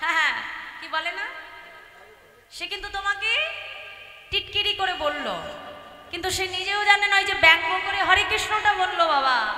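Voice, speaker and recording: A woman's voice: very high voice, normal speed, pauses often, bright, forceful tone. A woman kirtan singer preaching and leading sung chanting, coaxing the crowd to respond. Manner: coaxing, leads call-and-response. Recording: echoey hall, far from mic, with music. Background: instrumental music.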